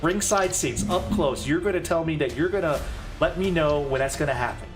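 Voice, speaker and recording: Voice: medium pitch, brisk, music in the background, lightly acted. A game master voicing a haughty female goddess who drives a hard bargain in a tabletop game, with a drawling, demanding manner. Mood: mocking.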